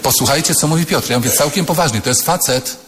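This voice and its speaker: A man's voice: on the high side, quick pace, fairly bright tone. A man, a priest, giving a humorous sermon to students, telling anecdotes and acting out the people in them. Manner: storytelling, acts out quoted voices. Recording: echoey hall with long reverb.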